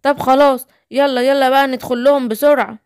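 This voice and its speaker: A woman's voice: high voice, fairly even intonation, quick pace, a little mellow, clear, resonant tone, no room sound, studio quality. A woman with an Egyptian accent voicing a brave male superhero who speaks urgently and decisively.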